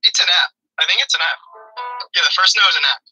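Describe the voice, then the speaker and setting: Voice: medium pitch, fast talker, sharp tone, slightly rough, soft background music, poor audio. A friend on a call, teasing and correcting the streamer's playing. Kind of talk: casual chat.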